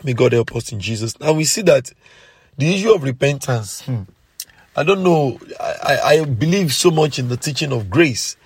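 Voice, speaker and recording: Gravelly-voiced man preaching earnestly. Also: medium pitch, lively intonation, no room sound. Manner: earnest, exhorting, slows for emphasis. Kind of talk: podcast sermon.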